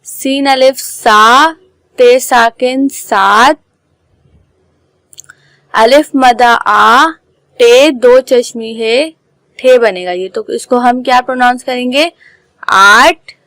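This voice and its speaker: A woman school teacher giving an online class, spelling out words slowly letter by letter. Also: a little high, fairly bright tone, dry recording, poor audio. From Pakistan. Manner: slow, careful letter-by-letter dictation.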